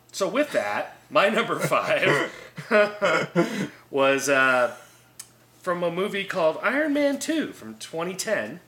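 A man's voice: mid-range voice, pushed and bright. A man co-hosting a podcast in casual chat, rambling with many restarts and fillers and laughing often. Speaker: podcast co-host.

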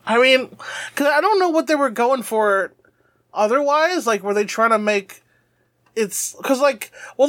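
Bright, high-voiced animated man. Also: dry recording. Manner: animated, laughs often, swears casually. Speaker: podcast co-host. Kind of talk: casual anime recap chat.

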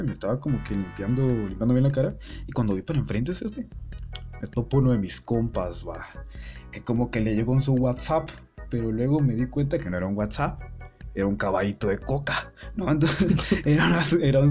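Guy rambling thru a story, cusses constantly, mellow low-key voice, faint music behind. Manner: rambling, swears a lot, trails off. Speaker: podcast co-host. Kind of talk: casual storytelling chat.

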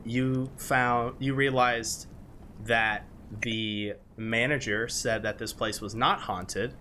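A man's voice: mid-range voice, fairly even intonation, sharp tone, slight background noise. Casual young man running a tabletop game. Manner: casual, halting narration with many "like"s. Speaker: game master.

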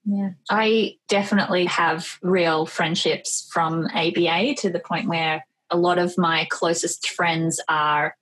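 Sincere woman, lowish voice. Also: steady tone, a little slow, few pauses, fairly bright tone, low-quality recording. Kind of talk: casual interview chat.

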